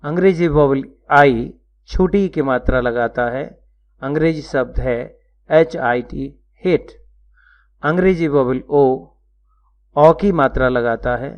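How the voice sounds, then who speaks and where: A man giving a scripted lecture, spelling out words letter by letter in a measured teaching manner. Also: mid-range voice. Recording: dull lo-fi recording.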